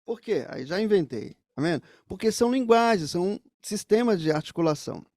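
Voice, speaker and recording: A man's voice: high voice, expressive, brisk, darkish tone, no room sound, studio quality. A man teaching saxophone, explaining things straight to the viewers in a music lesson.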